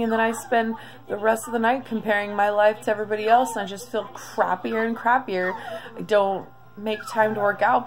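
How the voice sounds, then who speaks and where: A woman in her thirties talking through a confessional video diary, emotional and close to tears, halting with many pauses. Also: medium pitch. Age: 30s. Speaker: vlogger.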